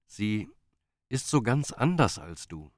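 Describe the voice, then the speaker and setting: Man as unsure young man in love, hesitant, earnest, deep, storybook. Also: very animated, slow pace, no echo, clean studio sound. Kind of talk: audiobook character voice.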